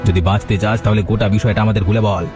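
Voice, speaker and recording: A man voicing a stern village police officer who talks in a gruff, commanding way. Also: lowish voice, level tone, very fast, music in the background, lightly acted.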